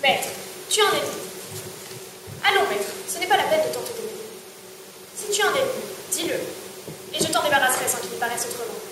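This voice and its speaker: A young woman playing a rough, loyal male hired swordsman in a stage play, speaking in a gruff, coaxing, declaiming way. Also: high-pitched, animated, fast talker, pauses often. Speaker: student stage actor. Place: large theatre stage. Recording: echoey stage from far off, audible noise.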